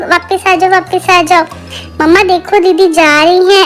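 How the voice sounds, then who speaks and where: A woman's voice: extremely high pitch, voice pushed up. A woman doing a voice-over as a chatty toddler boy who pleads and complains in a childlike singsong. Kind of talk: voice-over for a baby.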